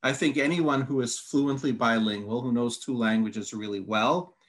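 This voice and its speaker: A man with Hungarian as his first language teaches the Bible in a conversation, reading long quotes and laying out his answers point by point in a methodical way. He speaks at medium pitch and normal speed.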